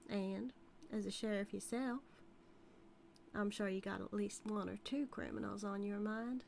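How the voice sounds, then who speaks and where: Slow and a little creaky, this woman's mid-range voice carries a darkish tone and fairly even intonation over slight background noise. She's acting out an intimate scripted audio roleplay as a flirty, dominant outlaw cowgirl, drawling in a Southern US accent. The mood is sly and teasing.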